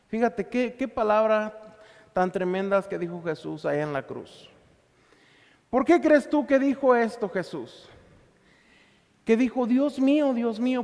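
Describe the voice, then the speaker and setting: High-voiced preacher man in reverberant hall. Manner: emphatic preaching, repeats phrases, asks the listener questions. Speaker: pastor. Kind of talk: sermon.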